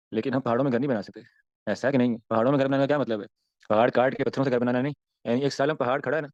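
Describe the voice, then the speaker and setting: A man's voice: medium pitch, a little mellow, no echo, lo-fi sound. A man, teaching an Islamic class and explaining Arabic verses, with many rhetorical questions and emphatic rises and falls.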